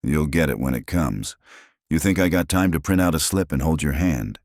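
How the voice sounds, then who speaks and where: A curt, mocking restaurant manager with a very deep, dry voice, as a male narrator puts him on. He talks down to his staff in a storybook reading. Each line comes out short and sharp. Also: expressive, moderate pace, no echo, exaggerated voice.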